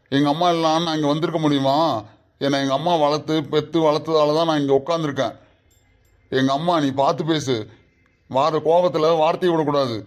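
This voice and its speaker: A man playing a patient son and husband who calmly reasons with his mother in a comedy skit, with a Kanyakumari Tamil accent. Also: a little high, natural voice. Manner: calm, reasoning.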